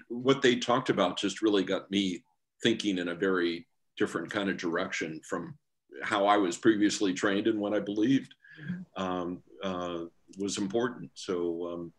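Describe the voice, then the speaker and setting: A man with a low voice shares a memory during an online group discussion. He speaks hesitantly, pausing on fillers and restarting his words, over a video call. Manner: hesitant, many fillers and repeated starts.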